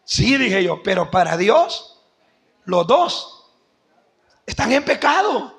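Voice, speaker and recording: A male pastor preaching a sermon, telling a story in an animated way, acting out other voices, and sometimes shouting. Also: sits high, slow, creaky. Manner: animated, shouts at points, acts out quoted voices.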